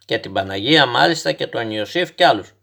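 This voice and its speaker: A stubborn, dreamy old grandfather from a storybook, as a man reads him, telling outlandish tales with calm, patient certainty. He is gently instructive and never flustered, as if every wild detail were plain fact. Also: mid-range voice, vocal fry.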